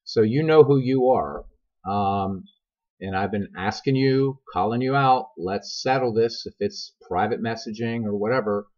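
A middle-aged man with a husky smoker's rasp, giving a casual, rambling game tutorial and talking directly to his viewers. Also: on the low side, a little slow, a little mellow. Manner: conversational, digressive, addresses viewers directly. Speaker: video game tutorial host. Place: voice-over recorded over screen capture. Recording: dull, lo-fi microphone sound.

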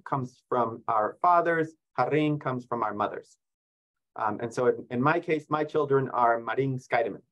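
Born in Ecuador and in his 40s, this fisheries biologist is giving a seminar talk as a guest speaker over a video call. His medium-pitched voice is a bit bright, and the sound is lo-fi. He comes across as friendly and explanatory, with light self-deprecating humor.

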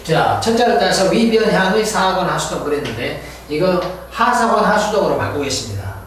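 Man, English teacher, lively high pitch, slow delivery, far-off echoey room, faint hiss. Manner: drills words, corrects pronunciation, chuckles at own jokes. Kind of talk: lecture explaining vocabulary.

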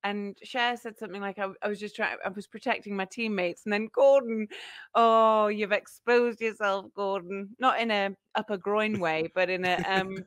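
A woman's voice: medium pitch, fairly even intonation, moderate pace, fairly bright tone, no room sound, studio quality. A woman co-hosting a fan podcast, chatting playfully, giggling and acting out quotes. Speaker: podcast co-host. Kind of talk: casual chat.

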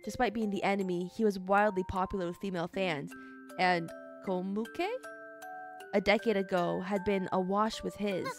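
A woman streams casually, reading a visual novel aloud and reacting with blunt, sweary exclamations as part of a co-op stream chat. Her mid-range voice holds a steady tone at a moderate pace. Soft game music plays behind her.

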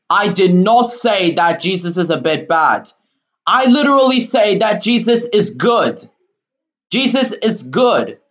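A man hosting his own channel, delivering an indignant, rambling rant full of fillers and halting restarts, with sudden outbursts. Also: sits high. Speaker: channel host. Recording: dull lo-fi recording.

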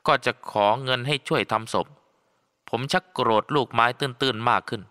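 Male storyteller for a ghost-story audiobook, steady and bright-toned, with a long hall echo. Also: mid-range voice, normal speed. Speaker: audiobook narrator. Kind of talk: scripted first-person story narration. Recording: long reverb.

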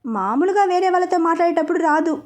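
A woman reading the lines of a bossy young sister who scolds loudly. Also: extremely high pitch, expressive, fast, pitched above the performer's own voice. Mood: scolding. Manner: scolding, loud. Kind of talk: storybook reading.

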